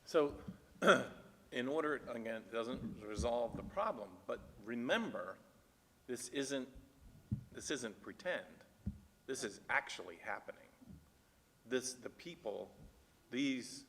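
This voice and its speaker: A man leading a church Bible discussion, thinking aloud with halting restarts and growing animated when he reads the text aloud. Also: mid-range voice. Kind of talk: casual discussion. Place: church meeting room. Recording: church room with long reverb.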